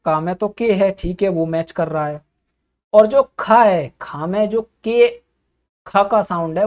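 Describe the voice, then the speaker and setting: A woman's voice: mid-range voice, darkish tone. An English teacher, a woman, giving an explanatory spoken lesson, often posing questions to herself and then answering them.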